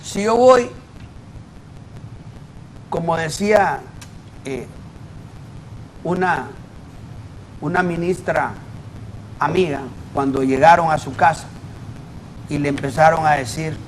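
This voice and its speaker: Male auditor guest, high-pitched, emphatic and explanatory. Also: takes it slowly, long pauses, a little hiss or hum, rough recording. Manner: emphatic, explains with worked examples. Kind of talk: debate in a TV interview.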